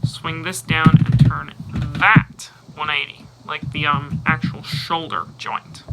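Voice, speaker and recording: A man talking casually through a toy review, describing each step as he handles the toy and pausing or muttering now and then. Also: a little high, little pitch movement, gravelly, loud music behind the voice, rough recording.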